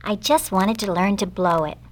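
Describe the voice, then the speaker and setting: A woman voicing a hesitant, apologetic schoolboy in a storybook reading, speaking softly. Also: medium pitch, lively intonation, normal speed, close to an everyday voice. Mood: sheepish. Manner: hesitant, soft.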